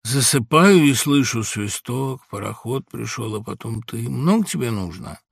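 A man's voice: medium pitch, lively intonation, a little slow, gravelly, breathy edge, dry recording, clean studio sound, heavily acted. A man voicing a huge, sleepy, good-natured older man who grumbles and sighs, in an audiobook reading. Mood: grumbling. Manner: grumbling, sighing.

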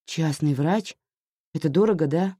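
A woman reading a story aloud, voicing a practical, sympathetic young friend who speaks calmly. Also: low voice, measured pace, breathy edge, no room sound, clean studio sound, voice pushed up. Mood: reasonable.

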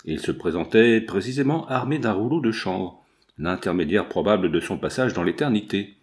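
A man reading a classic adventure novel aloud as an audiobook narrator, measured and even. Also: on the low side. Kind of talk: scripted narration.

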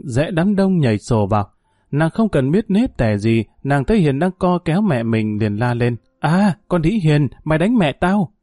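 Man, audiobook story narrator, dramatic, expressive, lively pitch, mellow tone, dry close recording. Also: no echo.

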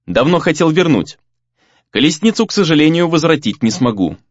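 A steady young male spell-caster hero , voiced by a man, speaks calmly and reassuringly. His pitch moves in a lively way. The recording is dry and dull, with a lo-fi sound. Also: brisk, no room sound. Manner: calm and reassuring.

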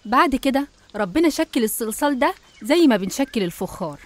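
A woman with an Egyptian accent narrates a scripted religious story in a fairly high, sing-song voice, speaking fast. Her tone is didactic, and she addresses the listener directly.

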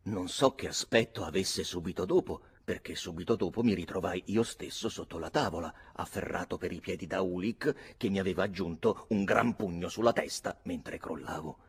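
Low, husky theatrical male narrator. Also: moderate pace, few pauses. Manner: theatrical, expressive. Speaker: audiobook narrator. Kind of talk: dramatic audiobook reading.

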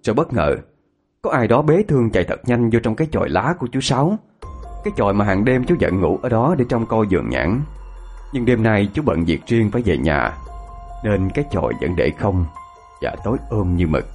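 A man's voice: lowish voice, darkish tone. A man narrating a tragic tale in a dramatic, mournful way. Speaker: storyteller.

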